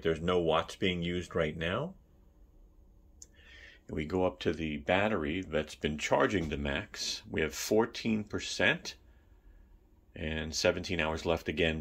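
A man with a lowish, gravelly voice walks through a product test in a casual, chatty way. He addresses the viewer directly as he reads out numbers. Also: a bit bright. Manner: chatty, talks straight to the viewer. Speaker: product reviewer. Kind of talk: casual tech review.

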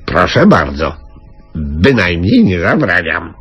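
Brief: a sly, deadpan joker, husky and slow, old radio-play sound. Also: male voice, low voice, faint music behind, heavily acted. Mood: dry. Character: mischievous, deadpan middle-aged prankster man. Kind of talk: 1970s radio comedy acting. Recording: dull old radio recording.

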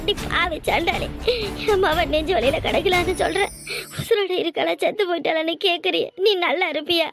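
A woman's voice: extremely high pitch, fairly quick, over music. A woman with a southern Tamil Nadu accent voicing an anxious older village mother who pleads and laments. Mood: anguished. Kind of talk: cartoon voice acting.

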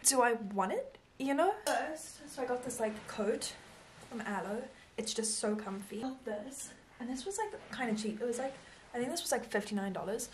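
A woman's voice: on the high side, slight background noise. A young South African woman vlogging in a bubbly, gushing way, talking to a small handheld camera. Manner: bubbly, gushing, lots of fillers. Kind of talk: casual chat to camera.

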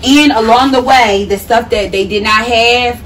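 A somewhat high-voiced woman, a mother who vlogs from home, goes through her groceries at a moderate pace with fairly even intonation. It's filmed indoors in her kitchen on a camera mic at short range, so the audio is distant and plainly noisy.

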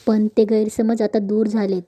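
A woman reading the lines of a determined young husband in a serial recap, in a mellow, even voice. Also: mid-range voice, normal speed, lightly acted. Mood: earnest.

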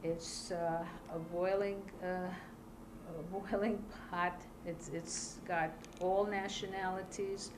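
An older woman from Iraq telling her life story in an interview, seated at a table in a small room, speaking calmly and deliberately with pauses between phrases. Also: fairly low pitch, noisy background. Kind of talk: measured personal testimony.

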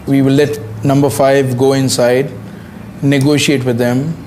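Medium-pitched man explaining on location. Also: little pitch movement, unhurried, a crowd in the background. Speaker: wildlife campaigner and biologist.

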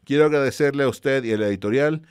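A man's voice: mid-range voice, fast talker, clean tone, no room sound, studio quality. A man with a Mexican accent, a teacher casually greeting students and reading their messages aloud in a slangy, easygoing way. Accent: Mexican Spanish.

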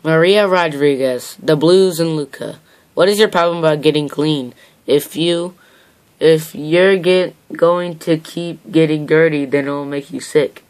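Mid-pitched host reading questions haltingly. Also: darkish tone, clean tone. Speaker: host of homemade puppet question show. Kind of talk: reading viewer questions aloud.

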